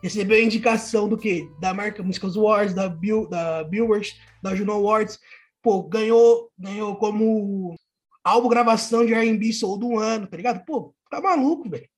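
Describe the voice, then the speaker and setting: A man's voice: high voice, moderate pace. A young man with a Brazilian Portuguese accent chats about music in a loose, slangy style. He speaks as a podcast panelist, informally and with the odd swear word. Faint music plays behind him. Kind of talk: casual music discussion.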